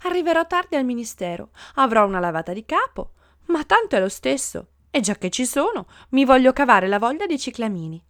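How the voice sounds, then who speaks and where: A woman voicing a cheerful, carefree office lady with high, gleeful exclamations in a storybook reading. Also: sing-song, a little fast, a bit bright, full character voice.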